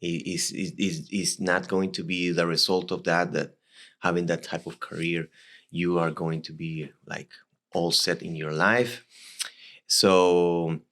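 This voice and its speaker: A man in his thirties from Costa Rica, speaking English with a Costa Rican Spanish accent as his second language, telling his life story as a podcast guest in a halting way with many restarts. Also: sits low, level tone, a bit bright. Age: 30s.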